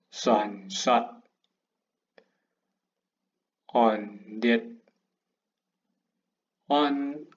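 A man from Taiwan with a Taiwanese accent reads pronunciation drills aloud as a language student, in halting, broken learner's speech, word by word. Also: a little high. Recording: dull lo-fi home recording with clicks.

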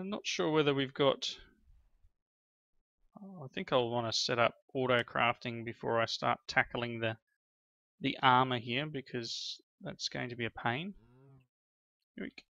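Slightly dull lo-fi audio with no echo captures a father hosting a gaming channel with his children, chatting and encouraging and praising them as he plays. His voice is gravelly and bright-toned, medium in pitch, a little slow and often pausing.

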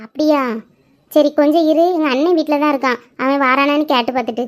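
A woman's voice: high-pitched, steady tone, fast. A woman performing a one-woman comedy sketch, switching between a scolding mother, a whiny girl and a friend. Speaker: comedy sketch creator playing all the parts.

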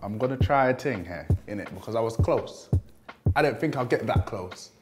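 A man's voice: on the low side, lively intonation, normal speed, music in the background. A young man from London hosting a cooking show, joking and bantering while he cooks. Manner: joking, playful. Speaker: show host and contestant cook. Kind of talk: casual banter.

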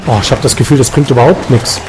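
A man with a Saxon German accent giving live let's play commentary, excitable, with loud outbursts and swearing at enemies. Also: medium pitch, quick pace, music in the background.

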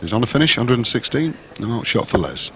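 A man's voice: medium pitch, big pitch swings, fast, a bit bright, low-quality recording. A man giving live television darts commentary in short, clipped phrases. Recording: crowd roar and noise behind commentary. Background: darts arena crowd.

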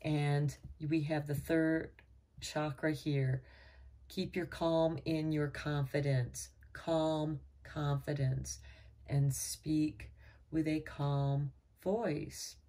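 Low-voiced, slow-paced woman tarot reader. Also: recorded from a distance. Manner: calm, measured, reassuring. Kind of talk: tarot card reading.

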